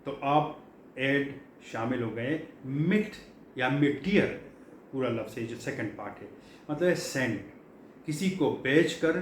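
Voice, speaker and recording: A middle-aged man from Pakistan teaching English vocabulary in a classroom lecture style, explaining patiently and repeating key words with frequent fillers. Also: medium pitch. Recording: echoey room, faint background hum.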